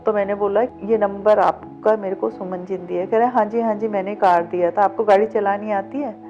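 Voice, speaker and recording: In a dull lo-fi recording with faint music behind her, a middle-aged woman who works as a cab driver shares her life story in an interview. Her mid-range voice is steady and a little fast, and she acts out earlier conversations as she retells them.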